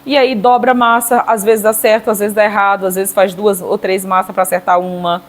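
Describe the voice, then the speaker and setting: A woman's voice: mid-range voice, little pitch movement, brisk. Chatty Brazilian woman teaching cakes. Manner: chatty, sprinkles "tá?" and "certo?" tag questions. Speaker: cake decorating teacher. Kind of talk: casual tutorial to camera.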